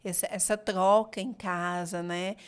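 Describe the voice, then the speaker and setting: A woman's voice: mid-range voice, fairly even intonation, takes it slowly, smooth. A woman hosting a podcast, speaking reflectively and often adding little tag questions in casual chat. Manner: warm, reflective, often adds "né?". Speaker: podcast host, mother.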